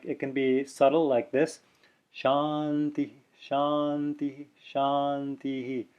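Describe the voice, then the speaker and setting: Guy teaching pronunciation on camera, patient, says words slow and repeats them, normal pitch. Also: a little mellow. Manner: patient, explanatory, demonstrates sounds slowly. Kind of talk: instructional video lesson. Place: indoors, on camera showing his mouth.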